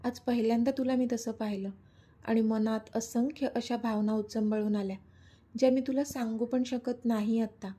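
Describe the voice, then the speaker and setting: A woman's voice: on the high side, fairly even intonation, moderate pace, warm tone, slightly rough. A woman voicing a playful, lovestruck young man in a storybook reading, pleading and coaxing. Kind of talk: storybook narration.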